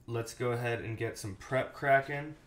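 Casual male cooking streamer, thirties, mid-pitched, noisy home kitchen with a running tap. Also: normal speed, echoey room. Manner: laid-back, chatty, reads and answers live chat. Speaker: cooking show host. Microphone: fixed camera mic, host moves around.

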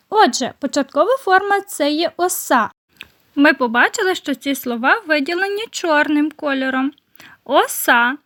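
Slow, high-voiced patient woman teacher. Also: fairly bright tone. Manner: slow, patient, explaining each word to children. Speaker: primary school teacher. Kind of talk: recorded video lesson for young children.

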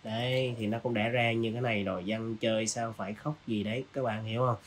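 A man hosting a design software tutorial, casually walking through each step with lots of fillers. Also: lowish voice, fairly even intonation, fairly quick, a little hiss or hum. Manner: casual, walks through steps with many fillers. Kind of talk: screen-recorded software tutorial.

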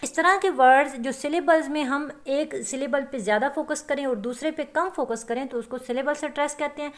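A woman with a high voice teaches a lesson, walking through each term step by step. She slows right down when she reads out the English definitions. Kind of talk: classroom-style lecture.

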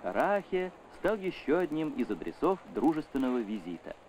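A man's voice: on the high side, big pitch swings, normal speed, background noise. A man giving solemn, official narration on an old 1970s newsreel soundtrack. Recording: old newsreel with music underneath.

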